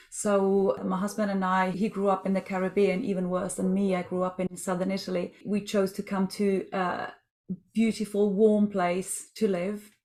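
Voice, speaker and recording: Woman from Switzerland, co-founder and presenter, lively and descriptive, call audio. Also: mid-range voice. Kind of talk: casual presentation on a video call.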